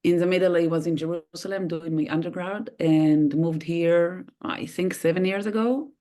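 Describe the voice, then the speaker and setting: A woman's voice: fairly low pitch, steady tone, normal speed, dark tone. A woman from Israel introducing herself in an online class over a video call, hesitant and searching for words. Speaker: student.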